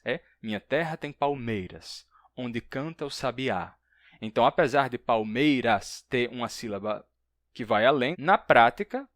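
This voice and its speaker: A man explains language topics in an educational video, slowing down to pronounce example words and listing numbers in a falling voice. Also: medium pitch, fairly bright tone, no echo. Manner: explanatory, drawn-out slow example words, lists numbers in a dropping voice.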